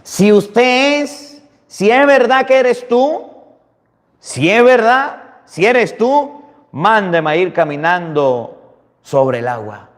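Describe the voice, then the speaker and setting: Man doing anxious pleading disciple, high strained voice, long reverb. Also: lively intonation, takes it slowly.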